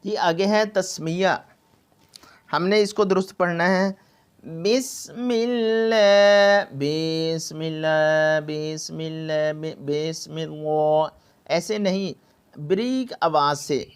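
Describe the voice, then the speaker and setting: A man teaching Quran recitation, drawing out syllables slowly to demonstrate and repeating words over and over, then explaining at a brisk pace. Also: a little high, steady tone, clear, resonant tone. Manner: repeats words again and again for practice. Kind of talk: tajweed lesson, explaining and demonstrating.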